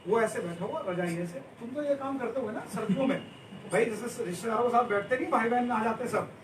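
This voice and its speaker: Animated male teacher, fairly high voice, joking storyteller drilling his class, noisy echoey room. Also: quick pace, recorded from a distance. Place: indoor classroom.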